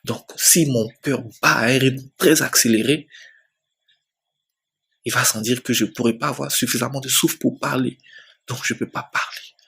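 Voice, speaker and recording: A man telling his personal faith testimony slowly, repeating phrases and often dropping to a soft, near-whispered voice. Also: medium pitch, steady tone, vocal fry, husky. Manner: slow storytelling with many repetitions. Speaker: church member giving a testimony.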